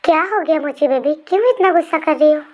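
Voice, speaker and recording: A woman voicing a calm husband who gently soothes his wife, in a fan storybook reading. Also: high-pitched, quick pace, lo-fi sound, close to an everyday voice. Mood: soothing.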